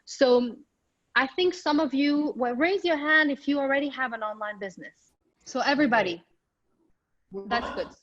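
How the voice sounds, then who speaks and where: A middle-aged Moroccan woman gives an upbeat, chatty business presentation remotely over a call microphone, with frequent ums and restarts. Her voice is high with a fairly bright tone, her speed normal with long pauses, and the audio has no echo but its highs are cut off.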